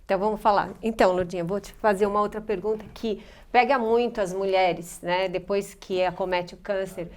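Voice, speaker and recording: A woman's voice: medium pitch, fairly even intonation, fairly quick, hardly any pauses. A woman with a Brazilian Portuguese accent hosts an interview. She nods along with short words and then asks long, winding questions. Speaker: host. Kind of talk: interviewing a guest.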